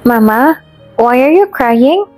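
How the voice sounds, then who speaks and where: A woman's voice: lively intonation, takes it slowly, darkish tone, faint music behind. A woman voicing a grieving seven-year-old girl who pleads through tears. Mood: tearful. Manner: pleading, tearful, shrill cries. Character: little girl, seven, grieving her dying mother.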